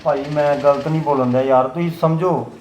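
A man's voice: fairly high pitch, steady tone, brisk, a little mellow, a little hiss or hum, close to an everyday voice. A man playing an idle, stubborn younger brother who insistently argues back. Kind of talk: scripted web drama acting. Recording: roomy, dull lo-fi sound.

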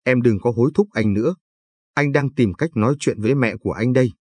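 A man's voice: medium pitch, a little fast, darkish tone, slightly rough, no echo, lightly acted. A man reading an impatient young boyfriend. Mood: curt.

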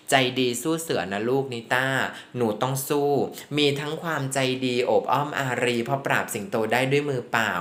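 A man doing a tarot reading in a chatty, affectionate way, speaking to the contestant as to a younger sibling. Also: medium pitch. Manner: chatty, affectionate, calls the subject "child". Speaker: tarot reader. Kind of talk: casual tarot reading commentary.

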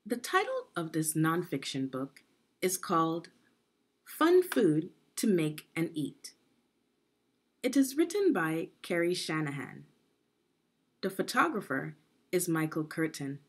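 A middle-aged woman, an education consultant, reads aloud to young children in a guided lesson. Her voice is lowish and husky with very expressive pitch, and she's deliberate and instructive, pausing and asking questions.

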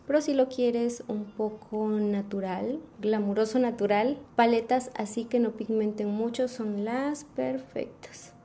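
A woman's voice: on the high side, steady tone, measured pace, few pauses, warm tone, slight background noise. A young Mexican woman with a Mexican accent giving a patient, step-by-step makeup tutorial, full of affectionate diminutives. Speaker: beauty vlogger.

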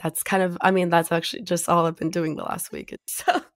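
Young woman co-host, raspy and hoarse from a sore throat, dry close sound, chatty casual delivery. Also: fairly low pitch, level tone, brisk, no room sound. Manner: chatty, frequent "like" and "um" fillers. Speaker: podcast co-host. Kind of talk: casual chat.

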